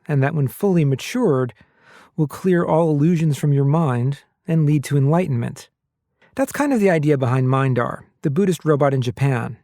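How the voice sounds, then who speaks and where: A man hosting a podcast, reading scripted narration in a measured way. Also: a little high, dark tone, dry recording, clean studio sound. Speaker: podcast host.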